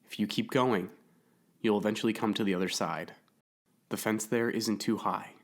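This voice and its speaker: A man's voice: on the low side, fairly even intonation, normal speed. Man doing a spirited girl hunter, Sadie. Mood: gentle, earnest. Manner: eager and spirited. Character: bold spirited young girl monster hunter.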